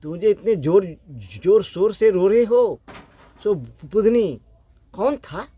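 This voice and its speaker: A man's voice: high voice, expressive, slow, dark tone, slightly rough, full character voice. A man voicing a puzzled royal official who probes with incredulous questions, in a spoken folk story. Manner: incredulous, probing.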